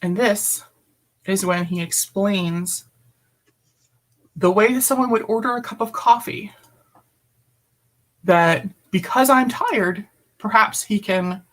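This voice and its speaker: A woman's voice: mid-range voice, slow pace, long pauses. A woman guest telling a personal story in conversation, blunt and emphatic, swearing freely, over a video call.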